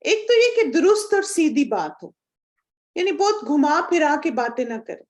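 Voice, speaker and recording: A woman's voice: high voice, big pitch swings, darkish tone. A woman teaching a religious course, earnest and instructive, who asks her class questions and mixes English words into her talk. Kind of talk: religious lesson lecture.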